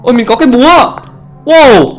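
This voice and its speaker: A man giving let's play commentary on a horror game, excitable and often exclaiming and swearing casually. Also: extremely high pitch, normal speed, soft background music. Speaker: gamer, channel host.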